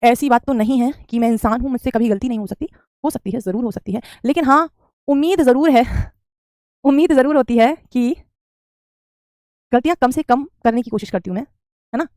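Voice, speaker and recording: A woman's voice: fairly high pitch, fairly quick, long pauses, a little mellow, no room sound, studio quality. A woman, teaching Hindi spelling in an online class, repeating each word and calling students beta. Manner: repetitive drilling, calls students beta.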